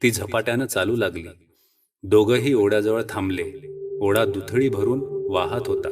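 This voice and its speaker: A man narrating an audiobook story in a steady, measured storytelling manner. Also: fairly low pitch, heavy background noise. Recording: distant mic with faint guitar.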